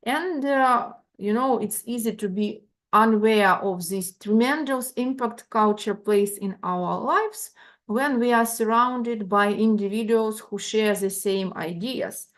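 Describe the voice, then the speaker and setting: A woman from Ukraine giving a university lecture online. She talks haltingly, with many fillers and restarts, and checks in with listeners by asking "yeah?". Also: on the high side.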